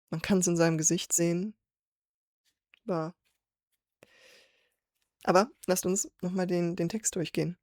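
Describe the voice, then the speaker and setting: A woman's voice: lowish voice, dark tone, no echo, studio quality. A woman hosting a song reaction, thinking aloud as she explains the lyrics line by line. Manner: thoughtful, reflective, with fillers. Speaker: reaction video host.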